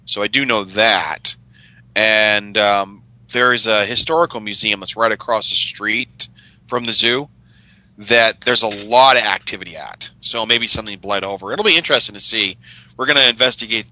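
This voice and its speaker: Excitable guy chatting on a podcast, real bright voice, dry close sound. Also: fairly low pitch, moderate pace, dry recording, low-quality recording. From Utah. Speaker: paranormal investigator, co-host. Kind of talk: casual podcast chat.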